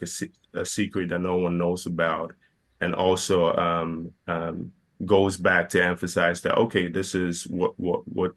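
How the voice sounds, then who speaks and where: A young man from Ghana with a very low, deep voice, answering interview questions about his work. He hesitates often and restarts his sentences as he talks, filling the pauses with small fillers. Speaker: filmmaker guest. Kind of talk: casual interview.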